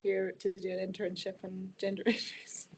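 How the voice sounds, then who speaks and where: Woman on a video call running through the agenda, steady, middle pitch, bit of faint noise. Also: moderate pace, vocal fry, poor audio. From Scotland. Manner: steady, organized, opens with ums. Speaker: intern presenting a project. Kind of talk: presentation over a video call.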